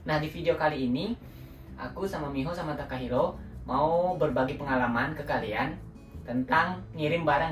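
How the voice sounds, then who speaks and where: A young man from Indonesia hosting a casual home vlog, chatting to his viewers and often calling them guys. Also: fairly high pitch. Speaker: vlog host. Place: small room at home, indoors. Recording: roomy, distant sound with background music.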